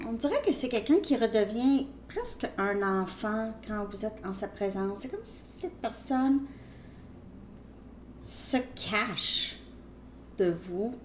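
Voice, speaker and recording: Slow-spoken Québécois woman reading tarot. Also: medium pitch, darkish tone, slight background noise. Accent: Québécois French. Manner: slow, hesitant, many fillers and restarts. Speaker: tarot reader.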